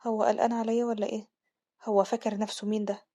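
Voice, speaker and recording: Brief: woman reading an anxious, prickly young duchess, Egyptian accent, fretful questions, very fast pace. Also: medium pitch, level tone, dark tone, natural voice. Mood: irritated. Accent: Egyptian Arabic. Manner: fretful, repeating worried questions.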